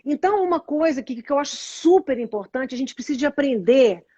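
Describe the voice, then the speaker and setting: A woman's voice: high-pitched, animated, a little fast, warm tone, no echo, highs cut off. A woman with a Brazilian Portuguese accent, hosting a casual live chat and earnestly explaining ideas while often restarting her phrases. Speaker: host explaining meditation and nonviolent communication.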